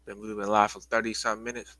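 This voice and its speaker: Breathless man lecturing his stream, bright and dry. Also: lowish voice, flat delivery, racing, no echo, low-quality recording. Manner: loose, repetitive, addresses viewers as y'all. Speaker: livestream host giving a presentation. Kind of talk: casual livestream lecture.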